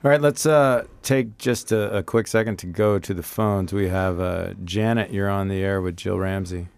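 A man hosting a call-in radio show, with a smooth radio-host delivery as he brings in a caller. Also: sits low, normal speed, darkish tone, no room sound.

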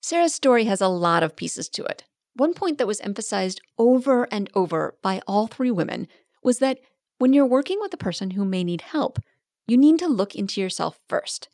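A woman reporter reading a scripted radio narration in a measured, even delivery. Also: mid-range voice, no room sound, clean studio sound.

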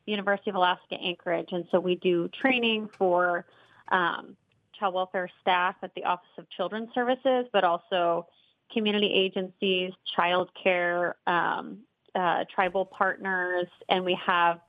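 A woman answering interview questions off the cuff as an expert guest, often pausing mid-phrase. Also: lowish voice, steady tone, no room sound, narrow, tinny audio. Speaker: interview guest, child welfare training director.

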